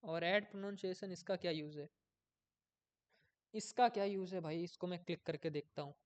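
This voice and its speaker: A man with a high voice gives a casual coding tutorial at a brisk pace, thinking aloud as he works. He often loses his place and checks in with his viewers.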